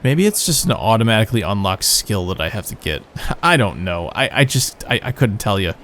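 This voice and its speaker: A man's voice: lowish voice, sing-song, fairly quick, a bit bright, a little hiss or hum. A man hosting a let's play, rambling casual commentary with a nasal, phlegmy morning voice.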